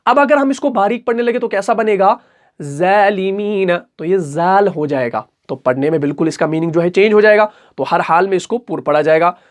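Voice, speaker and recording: A man teaching a recitation lesson in an online class. He stretches each example word out slowly and keeps checking in with the listener. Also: high voice, animated.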